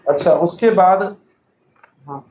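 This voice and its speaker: A man with a Sindhi accent teaching English grammar, patiently explaining and slowly repeating example sentences while quizzing his students. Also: high-pitched. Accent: Sindhi-accented Urdu. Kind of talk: classroom grammar lecture. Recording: echoey classroom, dull lo-fi recording with faint noise.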